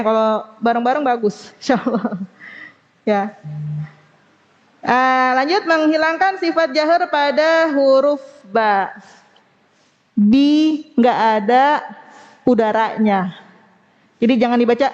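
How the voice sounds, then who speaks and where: A woman teaching Quran recitation to a study group, slowly demonstrating sounds and asking the class to repeat after her. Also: a little high, long reverb tail, dull audio. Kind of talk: women's study group lesson.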